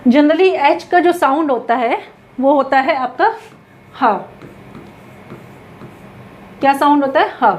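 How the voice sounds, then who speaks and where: A woman's voice: high-pitched, slow pace, pauses often. A woman teaching English grammar in Hindi mixed with English, asking questions and answering them herself as she writes on a board.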